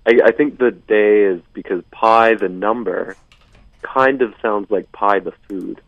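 A man's voice: on the low side, measured pace, no room sound. A man calling in to a radio show as co-host, heard through a phone on speakerphone, chatting casually with jokey, rambling asides. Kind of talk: casual on-air banter. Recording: muffled phone line.

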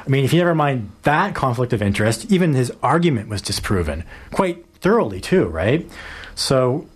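A man's voice: medium pitch, sing-song, normal speed, breathy edge. Rambling conversational radio host man. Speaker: radio talk show host. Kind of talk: casual talk radio discussion.

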